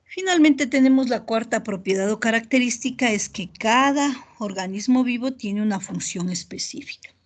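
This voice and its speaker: A middle-aged woman teaching an online biochemistry class, often pausing to ask students if they follow. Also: on the high side. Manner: checks in often with "¿ya?" and "¿verdad?"; steady explanatory pace with filler pauses. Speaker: university lecturer.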